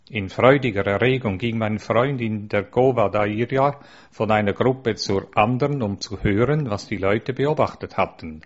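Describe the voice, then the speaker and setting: A man earnestly reading aloud a religious eyewitness account, measured and steady, with a few small stumbles. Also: medium pitch. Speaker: narrator. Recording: dull lo-fi recording.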